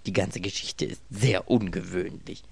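A man's voice: deep voice, fairly even intonation, moderate pace, gravelly, darkish tone, husky, no echo, heavily acted. A man voicing an irritable, bewildered young writer who grumbles and mutters in exasperation.

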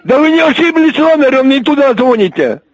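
A man's voice: very high voice, very animated, fairly quick, no room sound. A man answering the phone, impatient and irritated, repeatedly asking who is calling. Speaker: call recipient.

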